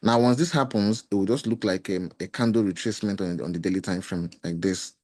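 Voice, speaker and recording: In a screen-share trading lesson, a mentor explains charts step by step in a brisk, low-ish voice that is slightly hoarse and darkish. He drives home key points by repeating them and asking rhetorical questions.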